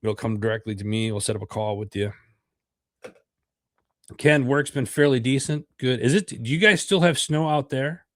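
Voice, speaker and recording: With a cold leaving him congested, this middle-aged podcast host from the United States rambles through a livestream chat, filling it with fillers and repeated words. His mid-range voice has a fairly bright tone and a moderate pace. The audio is studio quality, with no echo.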